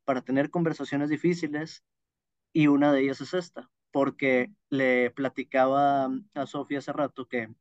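A man's voice: mid-range voice, flat delivery, normal speed, no echo. Guy from monterrey, northern mexican accent, explaining stuff on a podcast, dry kinda lo-fi audio. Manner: naturally loud, emphatic way of talking. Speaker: podcast guest, speaker. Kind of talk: conversational podcast interview.

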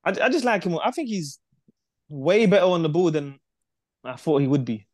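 A man's voice: fairly high pitch, very animated, moderate pace, no room sound, studio quality. A man with a London roadman accent chatting casually about football, slangy and sweary. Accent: London, urban street slang. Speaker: football podcast panellist. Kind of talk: casual chat, football banter.

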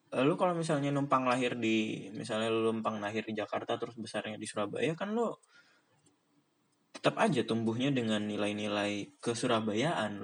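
Rambling, chatty young Indonesian man. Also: mid-range voice. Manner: chatty, rambling, laughs often, slangy. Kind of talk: casual monologue.

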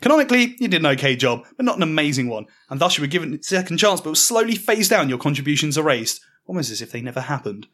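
A man telling a mocking comic story in the second person, with deadpan delivery. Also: a little high, fast talker, few pauses. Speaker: podcast storyteller.

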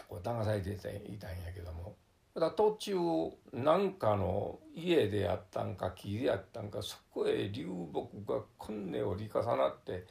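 A man's voice: mid-range voice, a little mellow. An older man with a Kansai Japanese accent telling how he survived a flood, in a vivid, filler-heavy storytelling way. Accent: Kansai Japanese, Wakayama dialect. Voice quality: gravelly. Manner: vivid storytelling with sound words, many fillers. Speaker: flood survivor recounting his experience. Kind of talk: oral history testimony.

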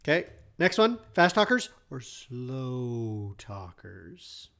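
A man hosting a podcast, reading out rapid-fire questions and teasing his co-host in casual chat. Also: medium pitch, big pitch swings, gravelly, bright, forceful tone.

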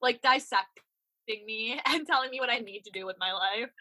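A woman's voice: fairly high pitch, normal speed, bright, forceful tone. A young woman co-hosting a podcast, ranting in casual, profane chat. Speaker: podcast co-host.

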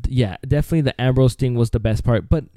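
A man with a very dark, mellow voice chats casually as co-host of a wrestling podcast. He rambles loosely and keeps saying "dude". The sound is dry and close, with no room around it. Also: medium pitch, quick pace, no echo.

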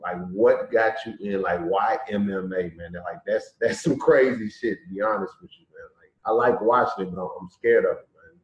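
A man hosting a podcast, talking in a relaxed way full of slang and ending his lines with "man.". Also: fairly low pitch, normal speed. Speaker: podcast host. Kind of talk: casual interview talk. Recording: dull, roomy sound.

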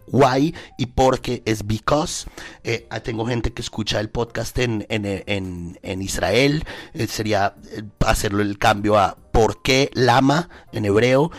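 A man with a Colombian accent, a podcast host casually teaching spelling rules with lively repetition and sound effects. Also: mid-range voice.

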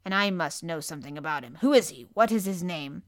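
A woman's voice: low voice, expressive, a little fast, dry recording, studio quality. A woman voicing a nervous, cautious, weak-willed male doctor in a storybook. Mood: concerned.

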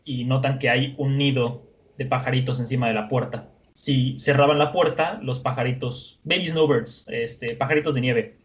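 A man casually retelling a comic chapter, lively, slangy, and laughing easily. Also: mid-range voice, normal speed, few pauses. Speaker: podcast co-host.

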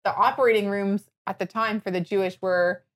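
A woman on a podcast telling her birth story in casual chat, animated and full of fillers, her nose stuffed up. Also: mid-range voice, fairly quick.

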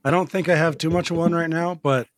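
Hoarse sick young man podcasting. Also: steady tone, fast talker, no echo. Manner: low-key, talks little while sick. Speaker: podcast co-host. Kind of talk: casual chat.

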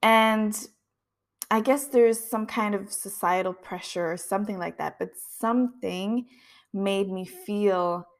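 A podcast host around thirty delivers an earnest, introspective monologue reflecting on personal matters. Her voice is mid-range, and she takes her time.

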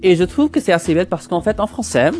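With soft background music behind him, a Canadian podcast host in his twenties talks in a high, sing-song, slightly mellow voice at a quick pace. His accent is Parisian-style French learned in France. He hosts his casual solo podcast in a rambling, hesitant way, repeatedly restarting phrases.

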